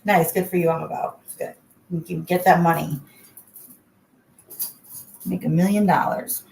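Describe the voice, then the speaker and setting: A woman's voice: fairly low pitch, fairly even intonation, measured pace, darkish tone. A woman hosting a casual, chatty livestream from an echoing bathroom, greeting viewers as she goes. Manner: chatty, addresses viewers by name. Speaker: livestream host. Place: indoors, in a bathroom. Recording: echoey bathroom, clear background noise.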